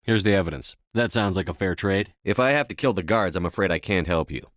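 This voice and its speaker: Commander Shepard, deep tough space commander. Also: male voice, brisk, fairly bright tone, dry recording, clean studio sound. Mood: measured, matter-of-fact. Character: composed, tough, businesslike male space navy commander. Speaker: video game voice actor. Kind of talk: scripted video game dialogue.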